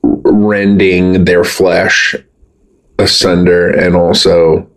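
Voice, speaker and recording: A man co-hosting a podcast, making deadpan, over-the-top jokes in casual chat. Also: deep voice, very slow, faint music behind. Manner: deadpan, absurd overblown jokes. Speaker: podcast co-host.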